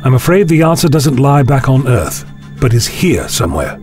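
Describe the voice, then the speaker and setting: A man playing a measured, learned time-traveller. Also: medium pitch, very animated, darkish tone, lightly acted. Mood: grave. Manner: measured, deliberate, formal phrasing. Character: learned, calmly authoritative male time-travelling scientist. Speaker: lead actor in a fan audio drama. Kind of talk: scripted science fiction audio drama acting. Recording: music bed under the dialogue.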